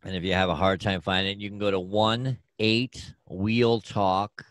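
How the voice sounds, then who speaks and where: A man with a low, deep voice co-hosts a relaxed chat podcast. He talks easygoing and unhurried, often stumbling and restarting mid-sentence. The sound is dry and close, with no room echo. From Arizona, Phoenix area. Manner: easygoing, with frequent restarts and slow spelled-out plugs. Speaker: podcast co-host. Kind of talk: casual chat.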